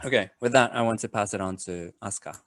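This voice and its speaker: A man giving a casual webinar talk on a video call, pausing often with fillers and restarts. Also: on the low side, no echo, clean studio sound. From Japan. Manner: hesitant, many fillers and restarts. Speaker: webinar presenter.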